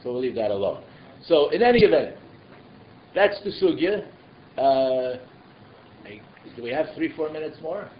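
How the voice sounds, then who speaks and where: Teaching a Torah class in a relaxed way, this rabbi has a fairly high voice with wide pitch swings, speaks at normal speed, and pauses often. He asks rhetorical questions and drops in casual asides. Echo, muffling, and noise fill the room recording.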